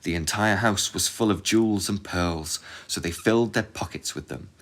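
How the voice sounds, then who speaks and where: A man reading a fairy tale aloud as a storyteller, in calm, measured narration. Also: low voice. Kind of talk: scripted narration.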